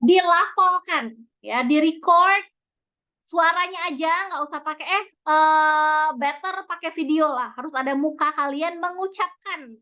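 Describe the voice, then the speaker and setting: Indonesian-accented woman lecturer, slow deliberate explaining, repeats example words, dull lo-fi recording. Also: high-pitched, pushed and bright. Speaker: university pronunciation lecturer. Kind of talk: recorded online lecture mixing Indonesian and English.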